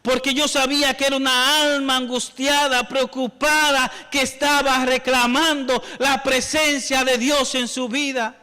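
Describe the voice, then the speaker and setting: Pastor, male, middle-aged: high, crisp voice, long hall echo, storytelling sermon. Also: flat delivery, measured pace, few pauses, pushed and bright. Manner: storytelling preacher, rising to emphatic passages.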